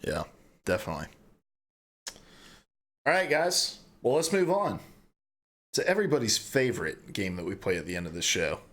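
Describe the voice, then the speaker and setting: A man's voice: lowish voice, very animated, normal speed, pauses often, fairly bright tone. A man hosting a casual gaming podcast, running a quiz segment with joking game-show patter. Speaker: podcast host.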